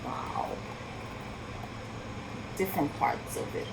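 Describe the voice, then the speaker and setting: A woman reads a picture book aloud for children slowly and expressively, marvelling along the way and asking her young audience questions. Heavy background noise runs under the recording.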